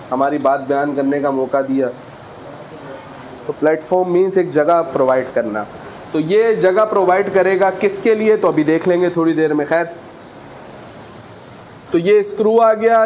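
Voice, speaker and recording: A man teaching a physics class, reading English lines slowly and explaining with frequent questions to students. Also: high-pitched, a little mellow, a little hiss or hum, poor audio. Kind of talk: classroom lecture.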